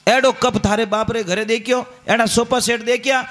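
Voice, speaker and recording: A man's voice: very high-pitched, steady tone, normal speed, a bit bright. A man with a Rajasthani accent voicing a boastful, scolding middle-aged mother-in-law who rattles off grievances during a sermon.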